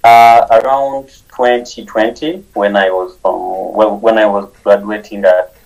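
A man's voice: fairly low pitch, fairly even intonation, unhurried, darkish tone, highs cut off. A young man, a nonprofit founder speaking sincerely in an interview and often repeating words as he goes. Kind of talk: conversational interview.

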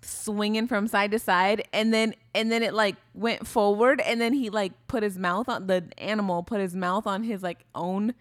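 A woman's voice: medium pitch, steady tone, normal speed, hardly any pauses, dry recording, clean studio sound. A woman co-hosting a podcast in casual, rambling chat, full of restarts and fillers. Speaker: podcast co-host.

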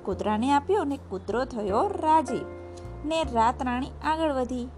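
A woman tells a children's story in a warm, expressive, sing-song way. Her voice sits high. Soft music plays faintly under her narration. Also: measured pace.

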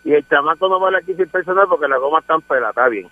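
A man's voice: on the high side, racing, no echo. A man calling in to a radio show, chatty, working out numbers aloud. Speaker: caller. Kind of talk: call-in chat. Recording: tinny phone line.

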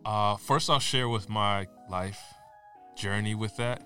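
A man's voice: fairly low pitch, slow pace, sharp tone, soft background music. A man hosting a casual podcast, laid-back and reflective, laughing easily as he talks. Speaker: podcast host.

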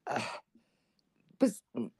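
Speaking extremely slowly, a Mexican-accented woman who is a guest and columnist tells anecdotes in a casual podcast conversation. She's lively nonetheless and often switches into high voices when quoting.

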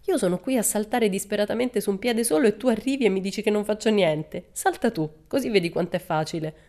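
A woman's voice: fast talker, natural voice. A woman voicing a cheeky, boisterous red-haired little girl in a storybook reading. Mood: playful. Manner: shrill, excited and boisterous.

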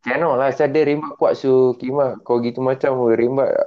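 A man's voice: medium pitch, fairly even intonation, a little fast, highs cut off, crowd noise. A man with a Singaporean accent chatting casually about football as a co-host, in Singlish that switches between English and Malay.

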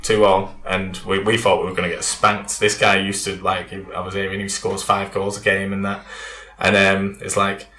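Young lad telling a footy story, swears a lot, roomy echo. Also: male voice, deep voice, monotone, moderate pace, bright, forceful tone. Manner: chatty, swears freely, laughs through stories. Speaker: guest. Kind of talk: casual storytelling.

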